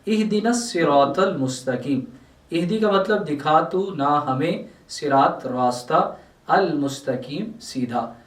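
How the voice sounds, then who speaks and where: A man's voice: a little high, lively intonation, roomy sound, far from the mic. A man with a Pakistani Urdu accent gives a religious lesson, reciting verses and explaining them word by word. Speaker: Islamic scholar teaching Quran translation.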